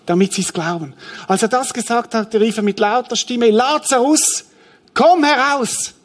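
A man's voice: sits high, fairly quick. A middle-aged man preaching a sermon, telling the story vividly and acting out the scene. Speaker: pastor.

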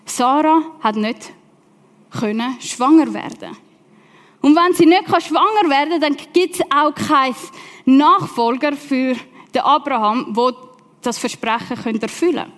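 A woman with a Swiss German accent preaching a sermon, telling the story with lively questions to her listeners. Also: high voice, a little slow. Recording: long reverb of a large hall.

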